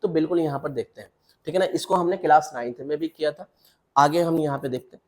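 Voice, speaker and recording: A man's voice: fairly high pitch, quick pace, a little mellow. A man teaching a maths lesson, walking step by step through examples and checking in with the class. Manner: repetitive checks with the class, mixing English terms into Hindi. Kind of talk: classroom lecture.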